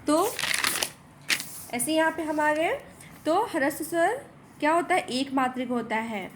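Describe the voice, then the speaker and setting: Slow, high-voiced woman teaching a lesson. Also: noisy background. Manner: slow, repetitive explaining with frequent rhetorical questions. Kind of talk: classroom lesson.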